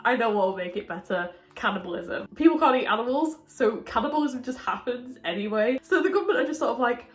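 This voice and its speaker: A woman's voice: fairly high pitch, animated, quick pace, few pauses, faint music behind. A sick woman reviewing a book in casual chat, her voice muffled as if heard through a window, chatty and often laughing. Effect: muffled, as if talking through a window. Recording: echoey room.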